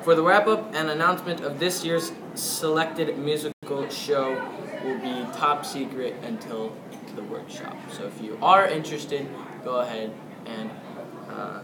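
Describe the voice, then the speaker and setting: A man's voice: medium pitch, unhurried. A male co-host reading out school announcements in an informal, conversational way. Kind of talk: casual announcements, reading details. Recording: echoey room, clear background noise.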